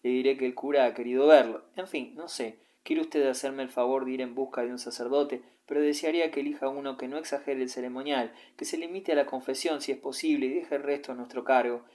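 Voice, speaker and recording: A young wife, composed through her grief, speaks slowly and with care, as a male narrator reads her. The voice keeps a middling pitch. It is a storybook reading. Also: steady tone, a little mellow, close to an everyday voice. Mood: grave. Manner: slow, measured speech.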